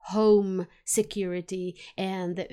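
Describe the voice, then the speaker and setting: A woman's voice: mid-range voice, flat delivery, slow, dark tone, clear, resonant tone. A woman, hosting a casual solo podcast from home, chatty and laughing lightly between phrases. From Finland. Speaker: podcast host.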